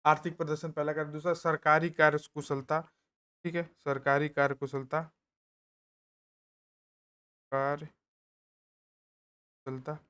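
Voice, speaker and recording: A man teaching an exam-prep lesson in casual Hindi, talking quietly so as not to wake others nearby, repeating key points and adding jokey asides, with an eastern Uttar Pradesh accent. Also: on the high side, little pitch movement, brisk, clean tone. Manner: speaks softly to avoid waking others.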